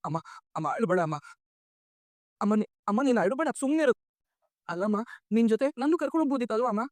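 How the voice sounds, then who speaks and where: Quick, earnest son in a TV serial, pleading with his mother. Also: sits high, animated, a little mellow, dry recording, clean studio sound. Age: young adult. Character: young son longing for his lost mother. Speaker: college-going son. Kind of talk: TV serial acting.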